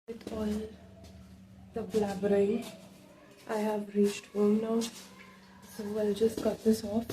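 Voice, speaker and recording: A young woman with an Indian accent chats casually in her vlog, mixing English and Hindi in a warm, mid-range voice. She films on a phone held at arm's length while walking outdoors and on a rooftop terrace, with slight background noise.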